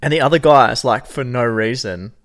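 A man's voice: medium pitch, normal speed. Laughing young man, chatty podcaster. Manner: animated, laughs often, jokey. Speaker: podcast co-host. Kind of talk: casual chat.

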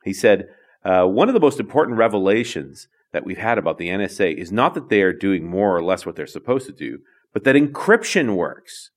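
A man with a fairly low voice co-hosts a technology podcast in an easygoing way. He chats casually, reacts quickly, and laughs easily. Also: big pitch swings. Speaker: podcast co-host. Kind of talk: casual chat.

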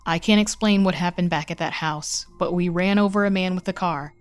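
Woman doing a shaken young aunt, low and firm. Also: fairly quick, clear, resonant tone, no echo, faint music behind, natural voice. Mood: tense, firm. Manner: low, steady, urgent calming.

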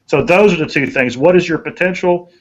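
A man with a fairly high voice speaks briskly as a podcast co-host, offering folksy, earnest motivational advice in a conversational way and repeating phrases for emphasis. The audio sounds dull.

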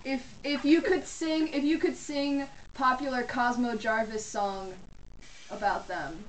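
A woman co-hosting a casual comedic chat, talking in an excitable, emphatic way with quick asides. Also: fairly high pitch. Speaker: podcast co-host. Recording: roomy, distant mic, faint noise.

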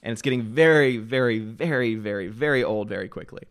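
A man's voice: medium pitch, clear, resonant tone, no echo, clean studio sound. Man streaming, answering chat. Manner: talks fast, reads and answers chat comments. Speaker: live stream host. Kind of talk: casual live stream commentary.

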